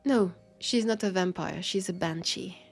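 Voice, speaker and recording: In this audio drama's one-sided, intimate roleplay, the vampire police officer, guarded but friendly, is performed by a woman with a French accent and a lowish voice at a moderate pace. She sounds hesitant and wry, as if confiding, over soft background music.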